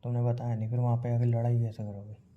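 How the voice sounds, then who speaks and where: A man's voice: mid-range voice, little pitch movement, fast, narrow, tinny audio, a little hiss or hum. A young man teasing his girlfriend in a casual phone chat. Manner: playful teasing, acts out others in quotes. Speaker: boyfriend on a phone call.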